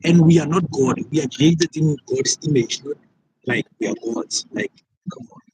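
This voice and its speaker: A young South African man joins a casual live debate by phone video call from a taxi, his slightly high, darkish voice coming at a moderate pace through slight background noise and low-quality audio. He argues his point, repeats himself, and says "like" a lot.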